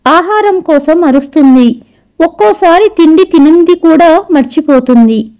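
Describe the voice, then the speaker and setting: A grieving middle-aged brother in a storybook reading, explaining through tears in an earnest, worn-down way, voiced by a woman without lowering her voice. The voice stays high and mellow. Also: lightly acted.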